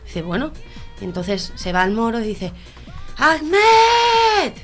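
A woman's voice: medium pitch, moderate pace, faint music behind. A woman co-hosting a radio comedy show, telling jokes and acting out the characters. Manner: animated joke delivery, acting out voices. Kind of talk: joke-telling radio banter.

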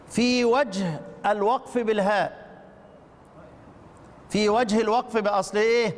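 Egyptian male teacher, high voice, questions the class, chants verse slowly, reverberant room. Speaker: Quran recitation teacher. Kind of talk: spoken lesson explaining a recitation poem.

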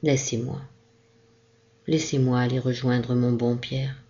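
A small crippled girl, lonely and despairing, as a woman reads her part aloud. The voice is mellow and soft, pleading through a storybook reading. The recording sounds dull and lo-fi. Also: a bass voice, little pitch movement, slow pace.

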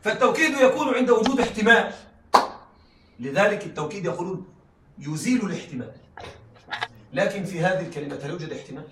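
A man's voice: high voice, lively intonation, fast talker, long pauses, heavy background noise. A male teacher giving a classroom lecture, often checking that the class follows and laughing lightly as he explains. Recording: echoey room, mic at a distance.

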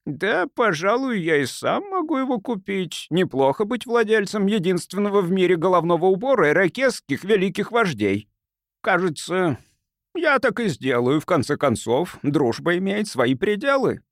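A man voicing a genial, crafty doctor who bargains in a soft, sugary, unhurried voice for an audiobook. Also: high-pitched, very animated, dry recording, studio quality, voice pushed up. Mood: sly, coaxing.

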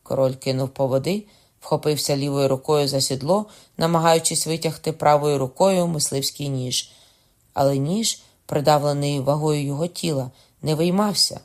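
A man narrating a classic novel in a steady, measured storytelling voice. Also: on the high side. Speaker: audiobook narrator. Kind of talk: literary audiobook narration.

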